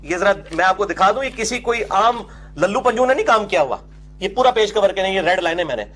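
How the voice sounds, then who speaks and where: A man delivers a religious lecture in a fairly high voice. He argues forcefully and keeps throwing out questions that he answers himself. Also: expressive, brisk, a little hiss or hum. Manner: emphatic, argumentative, often asks and answers his own questions.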